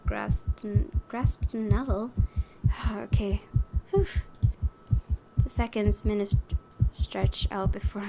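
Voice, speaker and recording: Playing a horror visual novel for a gaming video, a woman reacts with giggles, switching between reading the story text aloud and exclaiming. Her mid-range voice has vocal fry, and loud horror game music creates heavy background noise.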